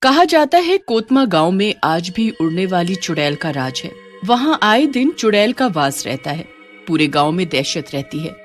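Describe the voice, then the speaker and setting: A woman narrates a cartoon horror tale in a steady, dramatic telling. Her voice sits a little low, with faint music and insect sounds behind. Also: normal speed. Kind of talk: scripted horror story narration.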